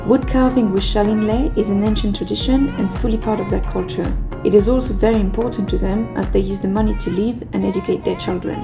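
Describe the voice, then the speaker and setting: A woman narrates a scripted travel voice-over, informative and measured, her voice gravelly. Music plays steadily behind her. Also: mid-range voice, steady tone.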